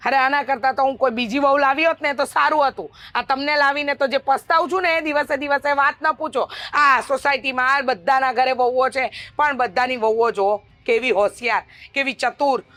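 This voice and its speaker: A woman acting out a domineering middle-aged mother-in-law in a family drama, scolding loudly and mocking at every turn. Her voice sits high and bright with a sharp edge. It is recorded close and dry, without echo. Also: steady tone, moderate pace.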